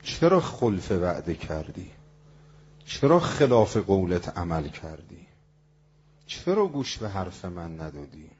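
A stern, reproachful mother, put on by a male preacher telling a story speaks in a husky, hushed tone. Her words come out low and cutting. The recording is dull and lo-fi. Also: sing-song, full character voice. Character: stern mother refusing her son, middle-aged woman.

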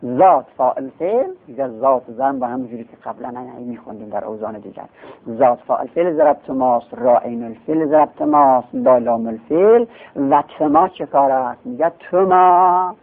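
A man's voice: on the high side, lively intonation, creaky. A man teaching a grammar class, explaining step by step and asking and answering his own questions. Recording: tinny phone-like sound.

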